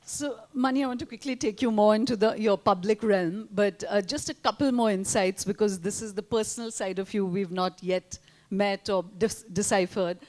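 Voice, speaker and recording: A woman's voice: mid-range voice, normal speed, a little mellow. A woman, conducting a conversational live interview.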